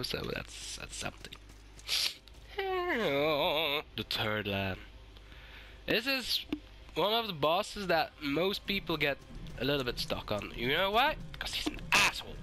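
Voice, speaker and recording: A sick, hoarse man giving swearing, excitable let's-play commentary and shouting at the game. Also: a little high. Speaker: gaming YouTuber.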